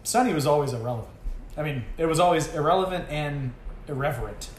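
A man's voice: a little high, expressive, quick pace. A man co-hosting a casual podcast chat, laughing often and riffing animatedly. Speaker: podcast co-host. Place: apartment room. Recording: echoey room with faint noise.

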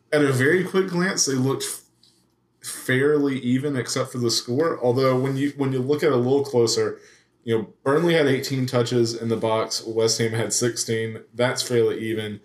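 A man's voice: medium pitch, moderate pace. Analytical man citing stats. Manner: analytical, stat-driven. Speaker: podcast co-host. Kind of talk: casual sports analysis. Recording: echoey room.

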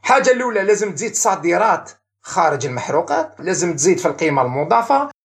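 A man's voice: high-pitched, racing. An Algerian man, an economics professor, explaining things as the guest of an interview, mixing in French and English words. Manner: animated, mixes French and English terms.

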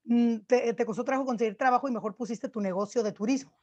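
A woman's voice: on the high side, fast talker, warm tone, muffled recording. A woman hosting a podcast, asking questions in a conversational way. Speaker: podcast host. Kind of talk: interview questions.

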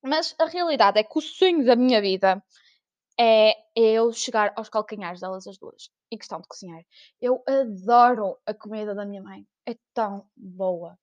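A woman's voice: mid-range voice, moderate pace, no echo, muffled recording. A young woman with a European Portuguese accent, chatting casually on her own podcast, laughing often and acting out her family's voices. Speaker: podcast host. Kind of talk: casual solo chat.

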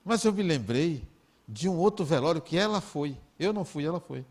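A man with a Brazilian Portuguese accent, giving a talk in an animated, conversational storytelling way. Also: fairly high pitch, moderate pace. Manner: animated, conversational, acts out dialogue.

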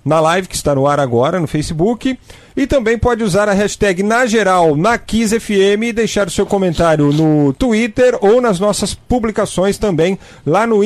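A man hosting a live radio show, chatting through promotional announcements. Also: high voice.

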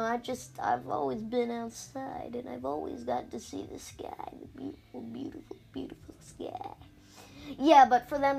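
A book-recap podcast host speaks in a slightly high voice with vocal fry, recorded on an iPad. Her casual talk wanders chattily, often interrupted by her own giggly asides.

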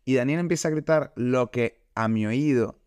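A man's voice: mid-range voice, moderate pace, clear, resonant tone, dry recording, studio quality. A man, co-hosting a comedy podcast and telling a childhood story with acted-out quotes. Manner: animated storyteller, acts out quotes. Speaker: podcast co-host. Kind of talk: casual comedic chat.

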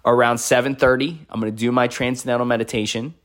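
His pitch is medium and barely moves, and he speaks fast. He's an American man in his thirties delivering an unscripted motivational podcast monologue as a life coach, repeating phrases for emphasis.

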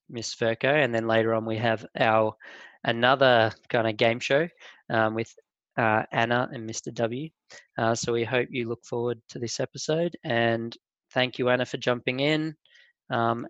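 A man who is a teacher, hosting a school podcast in a halting, rambling way. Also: medium pitch, fairly bright tone, no echo. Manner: rambling, halting, many fillers. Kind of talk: casual podcast talk. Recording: dull lo-fi dry sound.

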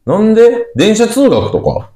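A man's voice: high voice, measured pace, echoey room. A man with a Kansai accent co-hosting a casual comedy radio show, reading listener mail and teasing his partner. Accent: Kansai Japanese. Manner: teasing, animated banter with sudden loud jumps.

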